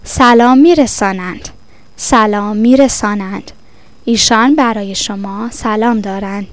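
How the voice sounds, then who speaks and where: A woman reading a vocabulary lesson, saying each word twice and then explaining it, in a measured, deliberate way. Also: medium pitch, dry recording. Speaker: vocabulary teacher.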